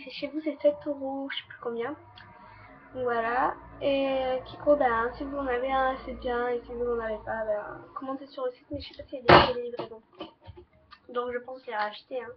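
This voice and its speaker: High-voiced teen girl chatting about makeup. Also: dull audio, noisy background. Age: teens. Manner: chatty, repeats "donc voilà" and "trop, trop bien". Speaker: beauty vlogger. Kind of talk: casual makeup review. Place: bedroom with a fan running.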